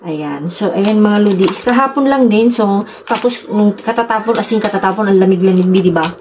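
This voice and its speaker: Chatty Filipina vlogger on the street. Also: female voice, medium pitch, moderate pace, noisy background. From Philippines. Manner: chatty, keeps addressing viewers. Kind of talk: casual vlog chat to viewers.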